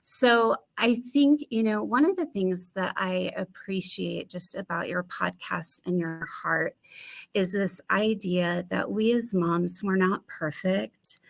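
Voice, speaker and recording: A woman's voice: medium pitch, takes it slowly, gravelly. A woman guest telling personal stories in conversation, candid and reflective with some wry humor. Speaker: podcast guest, author.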